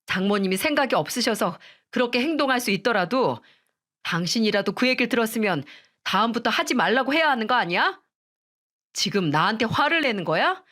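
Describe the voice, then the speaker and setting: A woman's voice: fairly high pitch, animated, a little fast, fairly bright tone. Woman voicing a curt, condescending husband. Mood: irritated. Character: arrogant newly promoted young husband.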